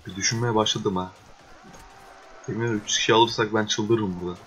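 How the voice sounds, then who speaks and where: A young man giving casual gameplay commentary, swearing and exasperated, with excitable outbursts. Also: fairly low pitch, fast, slight background noise. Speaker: gaming video host. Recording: dull lo-fi recording.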